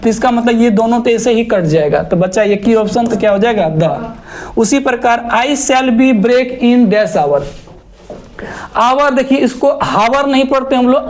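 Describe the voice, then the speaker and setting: A teacher walks through exercises one example at a time, repeating each point and posing rhetorical questions to the class. Example sentences are read out slowly and deliberately. The voice sits at an ordinary middle pitch. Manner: repetitive, step-by-step, asks rhetorical questions. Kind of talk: classroom-style grammar explanation.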